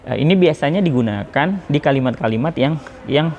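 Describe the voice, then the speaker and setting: A man giving a relaxed lesson on preaching technique, talking in a chatty way with many fillers and restarts. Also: fairly high pitch, brisk, dull audio, slight background noise. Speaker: public speaking teacher. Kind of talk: informal lesson on preaching delivery.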